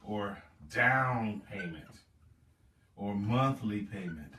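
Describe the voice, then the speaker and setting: Guy doing a sales training talk, really animated, repeats words for emphasis, kinda far from the mic. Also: lowish voice, slow pace, reverberant, slight background noise. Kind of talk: motivational sales seminar talk.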